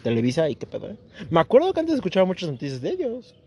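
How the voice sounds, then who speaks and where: Lively, joking Mexican man. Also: sits high, rapid-fire, husky. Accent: Mexican Spanish. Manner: joking, teasing, heavy slang. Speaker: podcast co-host. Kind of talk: casual chat.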